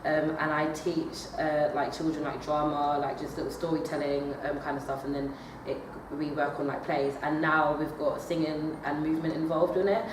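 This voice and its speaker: In a noisy, reverberant room with the microphone far off, a young woman who studies drama fumbles through interview questions with frequent fillers and restarts. Her low-pitched voice stays fairly flat at a moderate pace, with hardly any pauses. She is a young adult.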